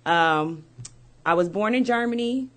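A woman's voice: mid-range voice, lively intonation, a bit bright. Chatty, upbeat woman radio guest. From United States. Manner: upbeat, chatty, quick bursts. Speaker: guest, community ministry founder. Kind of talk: radio interview. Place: radio studio.

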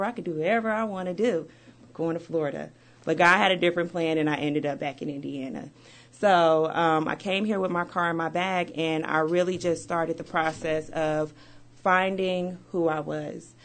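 A woman interviewed as a radio studio guest, upbeat and chatty, rattling through parts of her story in quick bursts. Her voice sits a little low for a woman. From United States. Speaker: guest, community ministry founder.

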